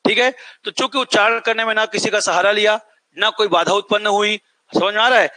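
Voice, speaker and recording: A man's voice: sits high, fairly even intonation, fairly quick, pushed and bright, no echo. A man teaching a class in a lecture style, repeating points and quizzing students who answer back. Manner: repetitive, quizzing, drills answers. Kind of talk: classroom lecture with call-and-response questions.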